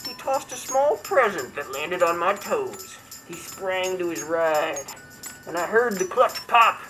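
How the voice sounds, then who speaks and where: Voicing a comedy show host character, a brash and crude martial arts buddy, a performer reads comic verse in an irreverent, mock-dramatic, theatrical way. The medium-pitched voice stays close to an everyday one, and the poor-quality audio has music behind it.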